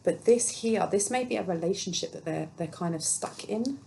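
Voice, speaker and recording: A woman's voice: on the low side, normal speed, creaky, a little mellow, a little hiss or hum, low-quality recording. A woman giving a casual, chatty tarot reading, reading card meanings aloud and musing on them. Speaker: tarot reader.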